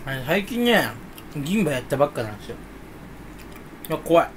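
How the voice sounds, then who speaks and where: A young man in a casual solo vlog, rambling and self-mocking, sometimes mimicking others in a higher voice. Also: sing-song, brisk, slight background noise. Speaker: vlogger. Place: room indoors.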